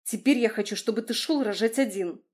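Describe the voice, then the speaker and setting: A woman voicing a sharp-tongued young woman in labor who gasps and hisses through the pain. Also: a little high, a little fast, close to an everyday voice. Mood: angry. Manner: gasping, hissing through pain.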